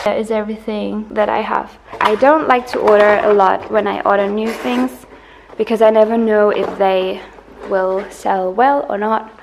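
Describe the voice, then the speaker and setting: Chatty young woman with a gravelly edge. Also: on the high side, a little mellow. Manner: chatty, laughs often, many ums. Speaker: artist vlogger. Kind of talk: casual studio vlog. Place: home art studio.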